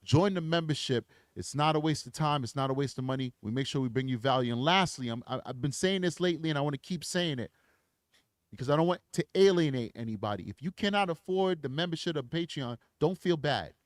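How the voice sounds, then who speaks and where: A man's voice: on the high side, fairly quick, no echo, clean studio sound. A man hosting a true crime livestream, preaching with emphasis and then chatting casually through his plugs on a desk microphone. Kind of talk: impassioned livestream outro.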